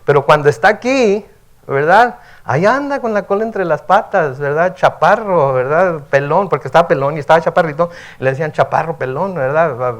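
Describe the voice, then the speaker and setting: A pastor teaches the Bible at a midweek service, reading verses aloud and then explaining them. His voice sits a little high for a man, and he talks in a relaxed, conversational way, often tagging on a questioning "right?" to draw in the listeners. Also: fairly quick. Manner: conversational, frequent "¿verdad?" tags, reads scripture aloud and explains.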